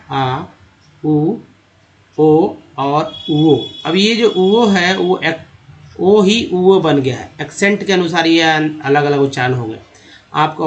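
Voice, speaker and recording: A man teaching English pronunciation in Hindi, stretching and repeating example words step by step while addressing viewers as friends. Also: on the high side. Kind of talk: Hindi-language pronunciation lesson.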